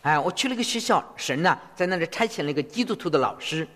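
A man interpreting a sermon phrase by phrase in an animated way. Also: a little high, fast. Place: church hall. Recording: long reverb of a church hall.

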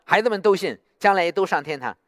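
Man playing a stern male prison warden, scolding, sarcastic, loud, dry close sound. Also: high voice, lively intonation, fast talker, no echo, voice pushed up. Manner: mocking, scolding.

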